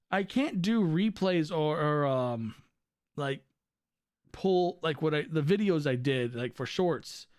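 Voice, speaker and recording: Fairly high in pitch and audibly going hoarse from overuse, a live streamer gives rambling gameplay commentary and keeps correcting himself. The studio-quality recording carries no room sound.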